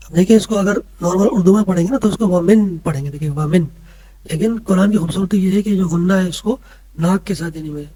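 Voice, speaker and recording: A man's voice: high voice, dark tone, slightly rough, rough recording. A man teaching a religious lesson to children, patiently explaining and often checking that they follow. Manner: patient, keeps checking in with listeners.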